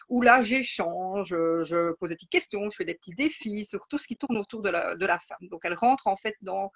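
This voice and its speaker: A Belgian woman with a Liège accent, talking as a guest on a live video-call interview, halting with many fillers and restarts. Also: medium pitch. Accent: Liège Belgian French. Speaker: interview guest, identity coach.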